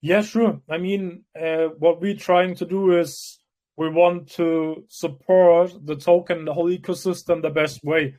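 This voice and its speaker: A man from Germany, a crypto project founder, answering interview questions in a measured way with frequent restarts. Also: fairly high pitch, steady tone, a little mellow. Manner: measured, restarts often, plain explanatory tone.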